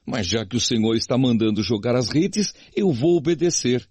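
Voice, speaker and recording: Man playing humble fisherman disciple, raised husky pitch, dry sound. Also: expressive, normal speed, a little mellow, no echo. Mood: earnest.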